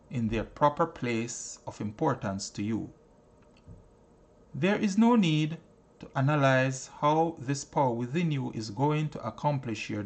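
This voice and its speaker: With deliberate phrasing and frequent pauses, a man narrates a self-help audiobook in a measured, earnest way. His voice sits at medium pitch.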